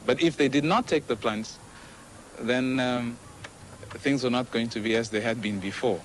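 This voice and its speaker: A diplomat recalling events in an interview, speaking deliberately with hesitations. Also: male voice, medium pitch, a little hiss or hum, low-quality recording. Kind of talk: interview recollection.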